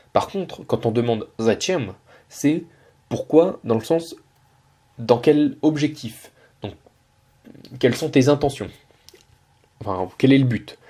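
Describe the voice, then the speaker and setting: Man explaining Russian, dark husky voice. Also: medium pitch. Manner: patient, many hesitations and self-corrections. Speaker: Russian language teacher. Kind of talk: explaining a video lesson.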